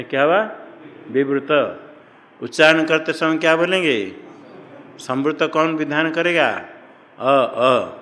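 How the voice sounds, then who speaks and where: A man's voice: fairly high pitch, a bit bright. A man teaches Sanskrit grammar in a classroom lecture. He asks questions, answers them himself, and chants the rules in a sing-song tone. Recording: long reverb of a hall.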